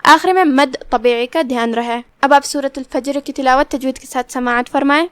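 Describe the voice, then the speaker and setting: A woman teaches Quran recitation with patient, methodical explanations. Her voice sits high and smooth. The recording is close and dry. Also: no echo. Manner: methodical, explains each letter then recites slowly. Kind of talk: tajweed lesson with slow recitation.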